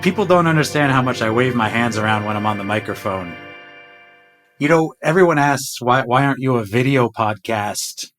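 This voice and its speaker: A podcast host with an animated, medium-pitched, slightly bright voice speaks at a moderate pace while faint music plays behind him. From his home closet he reads a scripted intro before chatting eagerly with his team, enthusiastic and self-deprecating and frequently stumbling on words.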